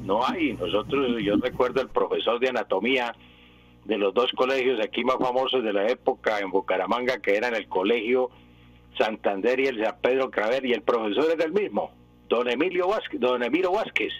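A man's voice: mid-range voice, fairly quick, no room sound, highs cut off. A man, a language expert answering listeners' questions on a radio show, explaining at length and drifting into anecdotes. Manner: digressive, anecdotal.

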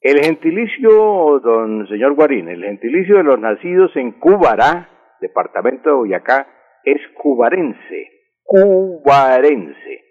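A man explaining word usage on a radio language segment, patient and methodical, repeating key words slowly. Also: medium pitch, very animated. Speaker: language expert answering listeners. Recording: husky voice over a tinny phone line with long reverb.

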